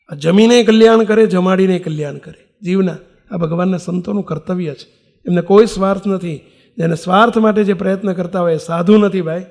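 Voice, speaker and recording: Older man preaching, high gravelly voice. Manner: animated storytelling, acts out quoted voices. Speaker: monk preacher. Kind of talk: sermon storytelling.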